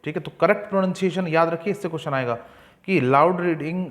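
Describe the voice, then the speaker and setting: A young man with a fairly high voice teaches an exam-prep lesson. He reads each English point slowly and deliberately. Then he explains it in Hindi, with many fillers.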